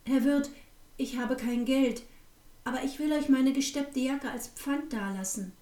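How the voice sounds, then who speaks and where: A woman's voice: high-pitched, measured pace, mellow, roomy sound, far from the mic. A woman doing a meek, pleading young girl. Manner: pleading, trembling.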